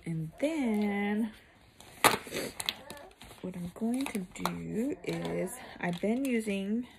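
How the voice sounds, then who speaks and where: A woman doing a casual makeup tutorial vlog, chatting in a relaxed way while she applies makeup. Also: mid-range voice, very slow, creaky, background noise. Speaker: makeup vlogger.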